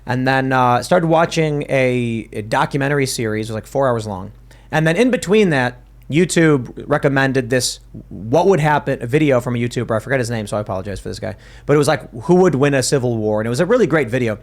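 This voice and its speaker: A man hosts a casual podcast panel in a mid-range voice at a quick pace. He talks emphatically and with animation, often restarting his sentences.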